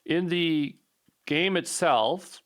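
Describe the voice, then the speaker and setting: This programmer talks to himself through a laid-back coding screencast, muttering while he works out problems in the code. He speaks extremely slowly, with a fairly high, slightly bright voice.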